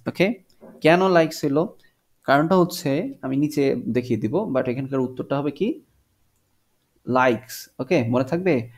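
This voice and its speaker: A man teaching an English textbook lesson on video, reading English lines slowly and then explaining them in Bengali. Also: mid-range voice, gravelly, darkish tone.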